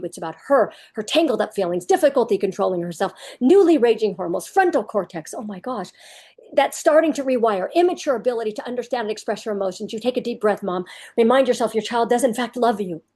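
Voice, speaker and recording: A woman with a slightly husky, fairly high voice coaching parents. She talks emphatically and turns straight to the listener as if to a mother in front of her. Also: lively intonation, fast, darkish tone. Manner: emphatic, addresses parents directly. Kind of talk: direct-to-camera parenting advice.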